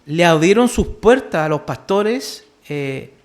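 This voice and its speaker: A man's voice: fairly high pitch, animated, takes it slowly. A man with a Chilean Spanish accent teaching a church history class, full of fillers, who keeps asking "¿cierto?" and calls his listeners "hermano". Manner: many fillers, asks "¿cierto?" often, addresses listeners as "hermano".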